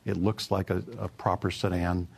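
A middle-aged man, a car company product executive, answering interview questions in a relaxed, storytelling way with plenty of fillers. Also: deep voice, moderate pace, gravelly, breathy edge.

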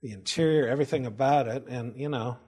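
Male co-host, mid-pitched, reflective and steady. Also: fast talker. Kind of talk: casual studio talk show.

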